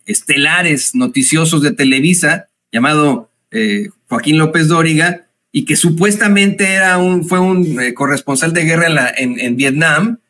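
Mexican guy ranting about politics, sarcastic and fired up, lots of "eh" pauses, kinda high voice. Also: a bit bright. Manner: indignant and mocking, frequent hesitations. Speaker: political commentator. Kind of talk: online political commentary.

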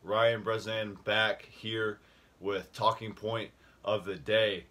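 Slow and flat in a lowish, pushed, bright voice, a young man chats on video about a book he's read. He's a book review vlogger who rambles, restarts, leans on fillers, and seems slightly winded.

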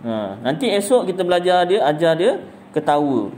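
A middle-aged religious teacher with a Malaysian Malay accent gives a casual, jokey talk, posing questions and answering them himself. His voice is fairly high and a little mellow, sing-song at a moderate pace, with slight hiss or hum.

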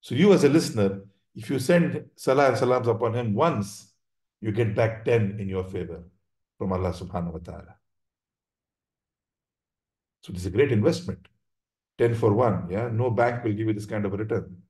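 A man's voice: on the low side, warm tone. A man teaching an online religious class over slides, explaining step by step, often checking in with "right?" and restarting his sentences. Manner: explanatory, frequent check-ins with "right?" and "yeah?"; halting, with many restarts. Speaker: Islamic teacher. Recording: roomy echo.

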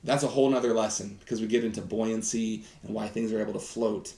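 A man's voice: fairly low pitch, level tone, fast, creaky, warm tone. A man in his thirties doing a chatty, enthusiastic live science demonstration, talking directly to viewers. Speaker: science teacher host. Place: home kitchen set, indoors. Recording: roomy kitchen echo.

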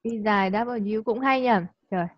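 A woman teaching English in a live online class. She coaxes the student and checks understanding with quick tag questions. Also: fairly high pitch, dry recording. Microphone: video call. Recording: dull lo-fi call audio.

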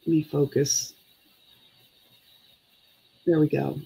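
Slow-paced middle-aged woman selling live online. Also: low voice, level tone, vocal fry, warm tone, husky, low-quality recording. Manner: unhurried, chatty, counting and muttering to herself. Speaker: online live-sale seller. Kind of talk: casual live selling chat. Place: indoor room with clothes racks.

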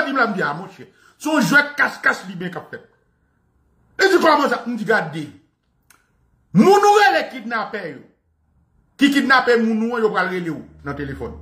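High-pitched, lively mocking male commentator. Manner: mocking, laughs while talking, imitates bangs and gunshots. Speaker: online commentator. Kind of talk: animated satirical commentary. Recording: echoey room.

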